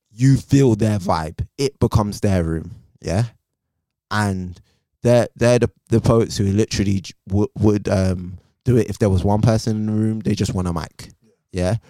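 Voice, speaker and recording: A man's voice: on the low side, measured pace, mellow, no room sound, studio quality. A man with a London roadman accent chatting casually as a podcast co-host, in slangy speech full of tag questions. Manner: slangy, repeats tag questions and check-ins.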